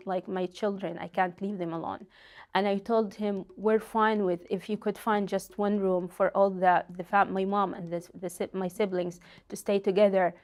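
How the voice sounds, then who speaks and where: A woman, giving a halting, reflective personal testimony. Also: medium pitch, a little mellow. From Sudan. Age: 30s. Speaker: interviewee telling her story.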